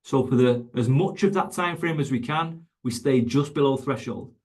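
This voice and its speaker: A man's voice: medium pitch, moderate pace, darkish tone. Emphatic man coaching coaches. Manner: emphatic, repeats points, conversational. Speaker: fitness coach educator. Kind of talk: online coaching webinar.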